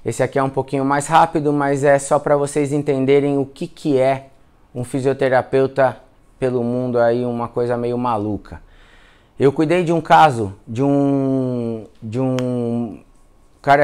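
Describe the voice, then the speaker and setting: A man's voice: mid-range voice, clear, resonant tone. A man with a Brazilian Portuguese accent, a physiotherapist giving a casual live class, telling patient stories and acting out the dialogue. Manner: animated storyteller, acts out dialogue, repeats words. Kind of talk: casual spoken lesson with case stories.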